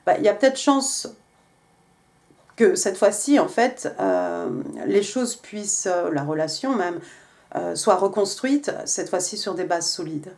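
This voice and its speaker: A woman's voice: on the low side, big pitch swings, measured pace, darkish tone. Hesitant woman reading tarot. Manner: hesitant, many fillers and restarts. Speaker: tarot reader.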